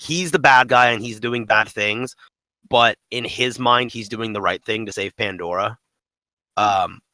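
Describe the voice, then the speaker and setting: A man with a bright, forward voice talks through game memories in casual podcast chat. He is animated and laughs easily, and the recording sounds dry and close. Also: mid-range voice, no room sound, rough recording. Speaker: podcast co-host.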